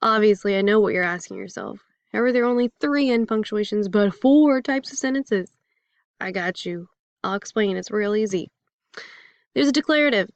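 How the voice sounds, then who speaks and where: A woman's voice: medium pitch, no echo, lo-fi sound. A woman teaching a casual grammar lesson in a chatty, upbeat way, with fillers and jokey examples.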